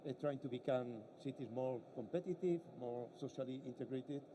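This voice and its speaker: A man presenting his foundation on a panel in a formal, measured way. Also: medium pitch, noisy background. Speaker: foundation president. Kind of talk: panel remarks.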